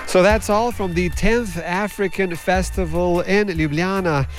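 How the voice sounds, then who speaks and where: A man's voice: high voice, fairly even intonation, unhurried, music in the background. A man working as a radio reporter, asking festival visitors short friendly questions outdoors and signing off the report. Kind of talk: festival vox-pop reporting.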